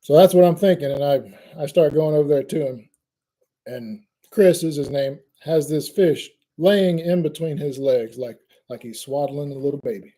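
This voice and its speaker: A man, hosting a fishing channel and telling a lively fishing story in casual chat. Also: on the high side, moderate pace. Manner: animated storyteller, Southern y'all, laughs at own jokes.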